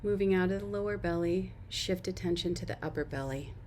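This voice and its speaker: With slight background noise behind her, a woman with a fairly low voice acts as instructor for a guided body-scan meditation. She speaks in gentle, unhurried instructions and soft invitations.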